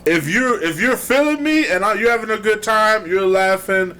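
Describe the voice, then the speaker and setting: A man's voice: high-pitched, moderate pace. A young man, a podcast co-host, telling a date story in casual chat, swearing and acting out what was said. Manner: storytelling, animated, swearing, acts out quotes.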